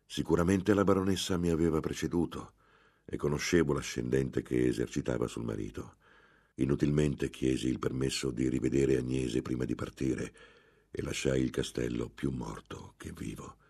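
A man narrating a literary tale in first person for an audiobook. His voice sits extremely low, with a gravelly fry and a husky texture. He tells the story in a measured, dramatic way. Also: a little mellow.

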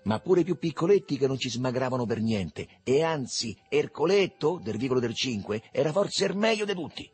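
A man narrating a novel as an audiobook, reading in an expressive, animated way. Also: on the low side, breathy edge.

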